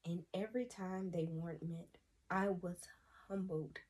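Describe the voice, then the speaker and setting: A young adult woman speaks to camera in a husky, slightly low voice. She delivers a personal testimony in an earnest, heartfelt way, sighing often and addressing her viewers as y'all. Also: steady tone, measured pace, darkish tone. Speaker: vlogger giving personal testimony.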